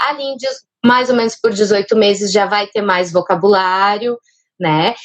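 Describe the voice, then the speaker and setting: A woman explaining child speech development on a live stream, with a manner full of fillers. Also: on the high side. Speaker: speech therapist guest.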